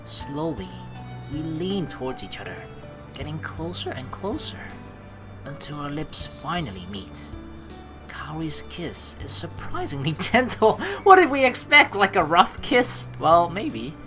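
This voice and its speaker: This young woman has a deep, very animated voice and takes her time reading a visual novel aloud with music playing. As a let's play streamer, she keeps interjecting playful, giggly chatter between the lines.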